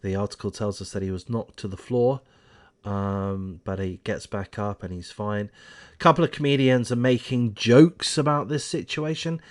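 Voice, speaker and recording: A man's voice: lowish voice, moderate pace. A man hosting his own channel, giving casual, opinionated news commentary in a rambling way with many ums and uhs. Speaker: channel host. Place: home in Australia.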